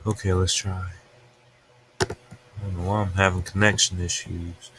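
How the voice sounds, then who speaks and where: A low-pitched man gives an unscripted weather rundown from an upstairs room at home, speaking into a webcam. He talks loosely, narrating whatever is on his screen as he goes. A faint background noise sits under the recording. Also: level tone, moderate pace, fairly bright tone. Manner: loose and unscripted, talking through his screen while he waits on it. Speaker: weather livestreamer. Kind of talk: casual weather commentary.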